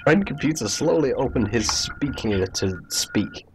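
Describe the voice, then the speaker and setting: A man with a mid-range voice and lively intonation narrates a comic, improvised story at a normal speed while gaming, his delivery playfully dramatic. He is both storyteller and game player, captured in a hobby internet recording with clear noise.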